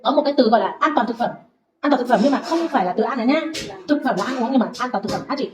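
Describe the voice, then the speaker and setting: A woman teaching Vietnamese, patiently saying sounds slowly for her student to repeat. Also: on the high side, a little mellow. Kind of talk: pronunciation drill lesson. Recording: dull lo-fi recording.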